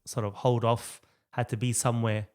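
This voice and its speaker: A man's voice: mid-range voice, flat delivery, normal speed, a little mellow, clear, resonant tone. Man, Australian accent, thirties, casual interview guest, filler-heavy. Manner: loose, restarts often, many fillers. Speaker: guest, rights activist.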